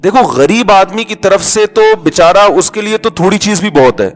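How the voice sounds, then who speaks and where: A man's voice: high-pitched, lively intonation, faint music behind. A male Islamic preacher giving a conversational sermon. He jokes, asks the listeners rhetorical questions and acts out small everyday dialogues.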